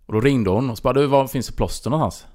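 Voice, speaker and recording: A man hosting a podcast, telling a story in casual chat and acting out what people said. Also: medium pitch. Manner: animated storyteller, acts out dialogue. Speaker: podcast host.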